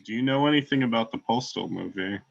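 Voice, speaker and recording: A man's voice: mid-range voice, quick pace, creaky, lo-fi sound. A man co-hosting a podcast, putting questions to a guest. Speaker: podcast co-host. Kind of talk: interview questions.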